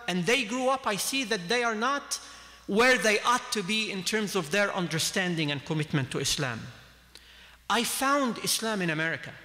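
An Egyptian man in his thirties delivers an earnest sermon at a standing lectern mic in a large mosque hall, gesturing with both hands. His voice is high-pitched, pushed and bright, and a long hall reverb trails it.

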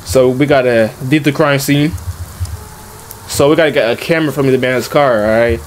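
A man giving casual let's-play commentary, talking in slang and reacting out loud to the game. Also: mid-range voice, steady tone, normal speed, slight background noise. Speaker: gaming YouTuber.

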